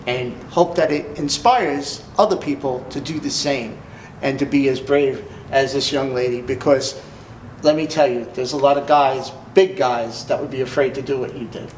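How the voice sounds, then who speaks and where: A man's voice: medium pitch, moderate pace, a little mellow, roomy sound, slight background noise, low-quality recording. A man with a New Jersey accent, hosting an interview in a folksy, emphatic way. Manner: folksy, emphatic, repeats "let me tell you". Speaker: host. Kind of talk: casual interview.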